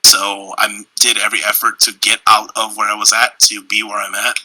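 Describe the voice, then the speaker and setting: A young man talks loosely on a casual podcast, swearing and getting animated as he tells his stories. His voice is very bright and a bit husky. The sound is dry and close. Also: on the low side, a little fast, no room sound, low-quality recording. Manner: loose, profane, animated storytelling. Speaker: podcast co-host. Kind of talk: casual chat.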